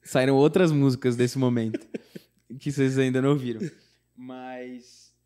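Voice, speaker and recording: Clear and resonant, his medium-pitched voice moves at a moderate pace. He's a young Brazilian singer-songwriter guest recounting a personal story in casual conversation, with a Brazilian Portuguese accent, animated acting-out of quoted dialogue, and frequent fillers such as "tipo" and "não sei o quê".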